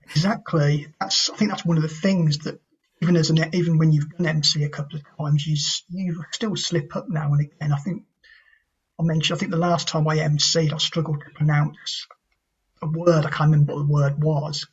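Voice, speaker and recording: A man with a husky, fairly high voice in a flat, narrow tone. He chats casually on a video call and agrees often. The audio is dull and lo-fi. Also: brisk. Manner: agreeable, says yeah often. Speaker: club member.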